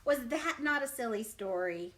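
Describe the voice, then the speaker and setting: A children's librarian leads an animated storytime, reading aloud and chatting with young listeners in an exaggerated, encouraging way and asking them questions. Her voice is on the high side and a bit bright, with lively intonation at a moderate pace, over slight background noise.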